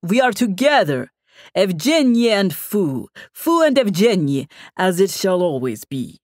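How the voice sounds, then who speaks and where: A woman voicing a huge, gruff but gentle werebear man with a heavy Russian accent, talking in slow, plain broken English in an audiobook. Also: mid-range voice, very animated, no room sound, studio quality. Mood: booming.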